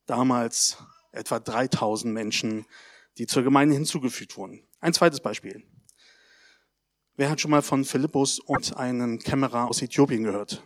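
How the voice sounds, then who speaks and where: A man giving a baptism sermon, telling stories lively and putting questions to the congregation. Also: mid-range voice. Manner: addresses the congregation directly, asks questions; lively storytelling, with pauses and hesitations. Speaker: pastor.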